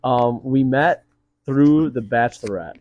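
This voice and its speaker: A man as podcast guest in casual chat, relaxed and joking, a little hesitant. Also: mid-range voice, unhurried, no room sound, lo-fi sound. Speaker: podcast guest, host's partner.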